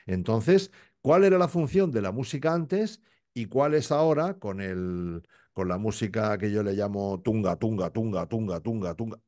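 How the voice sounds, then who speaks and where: A man's voice: on the low side, expressive, moderate pace, a little mellow. A middle-aged man hosting a video-call interview from a home office, chatty and joking, asking long run-on questions. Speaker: host. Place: home office with framed posters.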